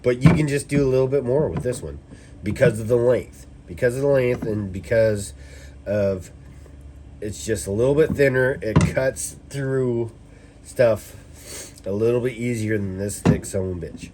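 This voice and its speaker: A man's voice: medium pitch, moderate pace. A man giving a casual, rambling product review, loose and tipsy as if he has been drinking, and swearing freely. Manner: casually profane. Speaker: knife reviewer. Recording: noticeable background noise with clicks.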